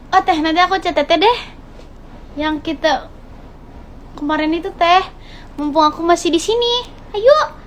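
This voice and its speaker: A young adult woman chatting casually with viewers and family in a home vlog. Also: sits high. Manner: chatty, greets viewers brightly. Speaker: vlogger. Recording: noisy home video recording.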